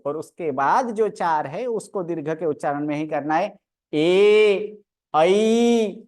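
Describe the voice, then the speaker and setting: A woman's voice: low-pitched, moderate pace, darkish tone. A woman teaching a grammar lecture, methodically counting aloud and drilling each sound one by one. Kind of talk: online lecture.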